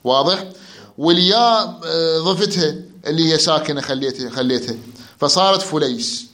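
Bright-voiced grammar teacher. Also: male voice, on the high side, fairly quick. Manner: prompts students with questions and repeats answers. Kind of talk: classroom lecture. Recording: echoey room.

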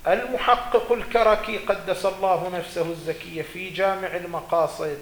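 A man's voice: sits high, moderate pace, slight background noise. A male religious scholar gives a seminary lecture, reading quoted legal texts aloud and then explaining them. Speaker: religious scholar teaching jurisprudence. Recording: echoey room with faint ambience.

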